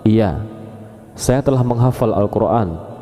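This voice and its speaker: A man voicing a calm, learned old woman. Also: fairly low pitch, a little slow, long reverb tail, close to an everyday voice.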